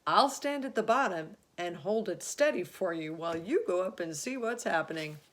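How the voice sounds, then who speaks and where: A woman's voice: lowish voice, expressive, normal speed, close to an everyday voice. A woman doing a gloomy, fussy police chief. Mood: grave. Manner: grave, fussy.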